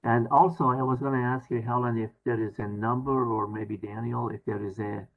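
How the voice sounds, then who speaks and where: A man's voice: mid-range voice, level tone, moderate pace, vocal fry. A man, a committee member, speaking informally in a meeting on a group conference call. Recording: dull, lo-fi conference call audio.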